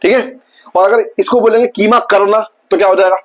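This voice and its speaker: A male teacher giving a classroom vocabulary lesson, quizzing his students and slowly repeating each word. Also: high-pitched, steady tone, rough recording.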